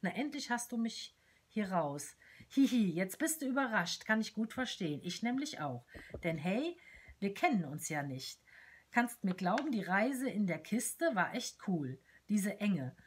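A tiny cheerful companion doll, voiced by a woman reading a letter aloud, bubbly and playful. Her pitch bounces lively up and down, and the voice has a husky edge. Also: a little slow. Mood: chirpy, tender.

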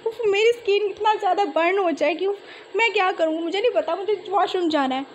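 A whiny, easily panicked young man, complaining in a high voice, as a woman narrator puts him on. Faint noise sits under the storybook reading. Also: expressive, fairly quick.

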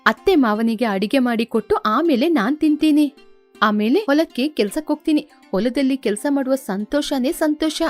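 A woman voicing a meek, humble young village woman who speaks gently and earnestly in a storybook tale. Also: sits high, moderate pace, soft background music, natural voice. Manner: gentle, pleading. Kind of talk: storybook character voice.

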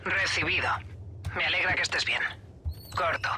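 A woman voicing a calm female government agent who speaks over a radio transmission in a brisk, professional, concerned manner. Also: lowish voice, noisy background. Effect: voice heard over a radio transmission. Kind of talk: video game dub.

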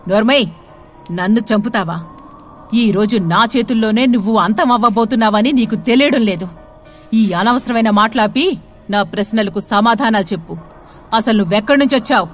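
Woman doing a shouting male sorcerer. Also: fairly high pitch, moderate pace, soft background music, close to an everyday voice. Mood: angry. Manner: shouting, commanding. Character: angry male sorcerer, commanding exorcist.

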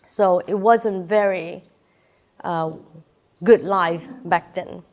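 Speaking slowly in a fairly low, slightly mellow voice, a feverish keynote speaker delivers an inspirational talk in a lecture room full of people. She is in her thirties, from Malaysia, with Chinese as her first language and a Malaysian accent; her style is chatty and personal, with frequent laughs and many "uh"s.

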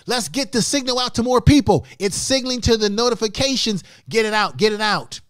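A middle-aged YouTube creator hosts a live-stream tutorial from a small home studio, speaking into a large microphone close in front of his mouth. His high-pitched voice is animated, a little fast, fairly bright and clean, with no room sound and clean studio audio. He addresses his chat room emphatically, repeating instructions as he teaches.

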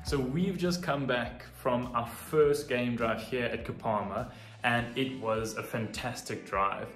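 A man's voice: mid-range voice, a little slow, music in the background. A man talking casually to camera as a travel vlogger on safari.

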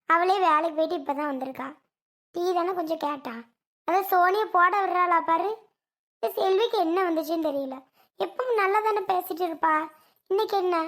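A woman's voice: very high voice, fairly bright tone. A woman playing a fussy grandmother in a family comedy skit, who nags, complains and lectures. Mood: grumbling. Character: fussy scolding grandmother, protective of baby.

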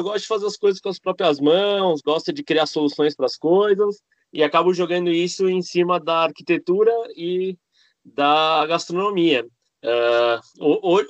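A man's voice: on the high side, no room sound. A man from Argentina, a cook and architect chatting as a podcast guest, rambling with many fillers and restarts. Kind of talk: casual interview chat.

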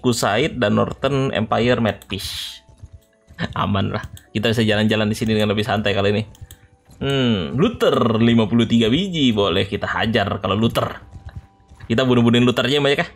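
A man giving excitable let's play commentary, shouting orders at his troops during battles. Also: mid-range voice. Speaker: gaming YouTuber. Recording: game music behind the voice.

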